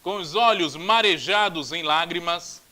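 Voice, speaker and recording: A man with a Brazilian Portuguese accent teaching a grammar video lesson. He is animated, repeats drills aloud and drops jokey asides. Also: fairly high pitch, unhurried, low-quality recording.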